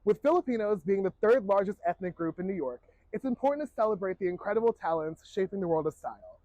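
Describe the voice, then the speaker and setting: Male feature narrator; fairly high, very lively voice, dry close voice-over, upbeat scripted read. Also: quick pace, dry recording. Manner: upbeat, promotional tone. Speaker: video reporter and narrator.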